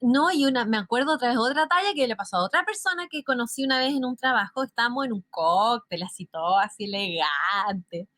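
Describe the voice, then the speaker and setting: A Chilean woman hosting a radio show, telling anecdotes in a lively, casual way. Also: fairly high pitch, brisk, hardly any pauses, dry recording. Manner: lively storyteller, animated retelling. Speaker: radio host.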